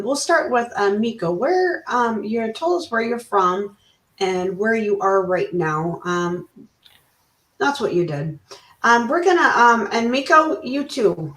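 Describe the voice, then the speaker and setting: A woman hosting a live interview, chatty and upbeat, with lots of fillers and laughs. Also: medium pitch. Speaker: interviewer host. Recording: roomy, distant mic.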